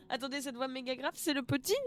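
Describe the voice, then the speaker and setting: A high-pitched woman with a French accent is livestreaming a game, tearful and emotional, exclaiming and saying the same things over and over.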